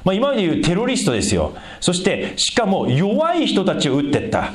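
A man's voice: sits high, wildly swooping pitch, a little fast. A man preaching a sermon as a pastor, talking conversationally and addressing the congregation directly. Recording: echoey room.

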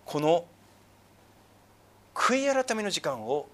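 A man preaching a sermon in a church as pastor, stretching key words slowly for emphasis and dropping to a hushed voice, then praying in a quiet tone. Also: sing-song. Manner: lowered, quiet tone when praying. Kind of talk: sermon with congregational prayer.

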